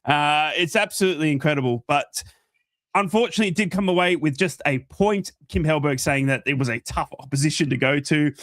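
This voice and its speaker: A man with a North East English accent co-hosting a casual football podcast, chatty and animated, calling the others mate. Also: a little high, brisk, dry recording, studio quality. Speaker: podcast co-host.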